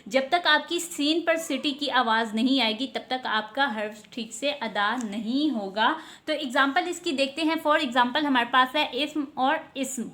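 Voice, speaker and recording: A woman gives an online tajweed lesson in a high, light voice. She speaks slowly and patiently, holding out each letter sound so students can copy it. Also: fairly bright tone. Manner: explains patiently, models slow drawn-out letter sounds. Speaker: Quran recitation teacher.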